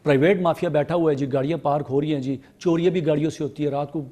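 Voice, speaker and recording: A man's voice: fairly high pitch, fairly even intonation, mellow. A man speaking as a guest on a TV talk show, earnest and repeatedly cutting in to make his point. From Pakistan. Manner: earnest, interjecting, repeats himself. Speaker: studio guest.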